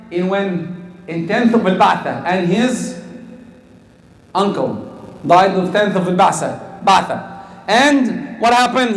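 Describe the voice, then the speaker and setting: A man's voice: sits high, roomy sound, low-quality recording. A man from Egypt preaching a sermon, asking the crowd questions, repeating words as he goes.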